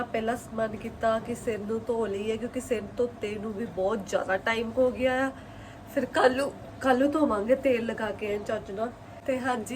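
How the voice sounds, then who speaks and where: A woman's voice: mid-range voice, darkish tone, a little hiss or hum, low-quality recording. A young woman chatting informally at home to viewers and children, in a casual vlog style. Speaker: family vlogger, mother of small children. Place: indoors at home.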